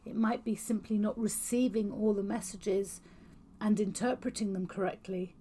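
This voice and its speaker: A woman explaining to camera in an informal lesson, talking fast with clear, exaggerated mouth movements. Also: mid-range voice, steady tone, mellow. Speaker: educator on auditory processing. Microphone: talking to camera on video.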